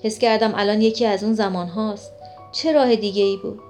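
Woman narrating a story over soft music. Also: medium pitch, steady tone. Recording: faint music behind the voice.

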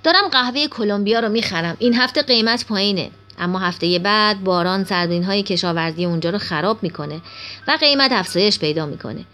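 A woman's voice: mid-range voice, pushed and bright, close to an everyday voice. Smug, boastful male double, read by a woman, mocking tone, storybook character.

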